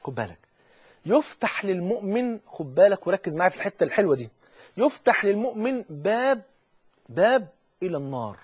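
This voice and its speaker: A man with an Egyptian accent preaching a lively colloquial sermon, speaking straight to the listener and acting out the people he quotes. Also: high-pitched, fast, husky. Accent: Egyptian Arabic. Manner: animated, addresses listener directly, acts out quoted speech.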